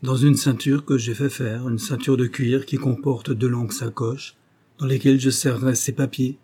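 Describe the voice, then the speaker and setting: A man's voice: mid-range voice, steady tone, moderate pace, dark tone, slightly rough, lightly acted. A man voicing a startled young male government official who asks surprised, protesting questions in a storybook reading.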